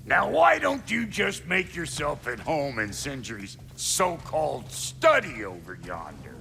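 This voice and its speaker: An actor voicing a gruff, wisecracking smith in a video game, with a gravelly voice and a folksy, sarcastic, brash manner. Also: male voice, fairly high pitch, huge pitch swings, a little slow, bright, forceful tone, a little hiss or hum, exaggerated voice. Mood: sardonic. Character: gruff, foul-mouthed, wisecracking male smith. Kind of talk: video game character acting.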